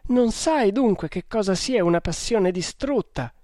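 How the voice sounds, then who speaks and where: A man's voice: a little high, lively intonation, measured pace, dry recording, studio quality. A man voicing a desperate young woman held captive in an audiobook, pleading in anguish. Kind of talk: audiobook character reading.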